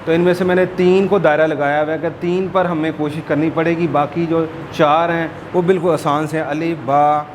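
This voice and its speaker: A man teaching a Quran class, drilling Arabic letter sounds by repeating them slowly. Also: fairly high pitch, flat delivery, background noise.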